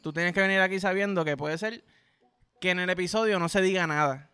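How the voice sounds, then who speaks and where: A man's voice: high voice, brisk, pushed and bright, clear, resonant tone, soft background music. A young Puerto Rican man hosting a podcast, telling a rambling, profane comic story in a casual monologue. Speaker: podcast host.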